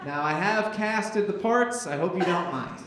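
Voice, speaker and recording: A man's voice: high-pitched, animated, a little slow, a bit bright. A man hosting a live comedy show, rambling and self-mocking as he reads out scene directions. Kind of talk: live stand-up show banter. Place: live venue with audience. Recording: echoey live venue room.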